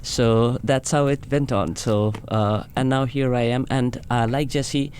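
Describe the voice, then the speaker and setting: Hesitant sitar player from India. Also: male voice, medium pitch, fairly even intonation, a little mellow, a little hiss or hum. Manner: measured, hesitant with many fillers. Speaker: sitar player, guest musician. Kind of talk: casual interview talk.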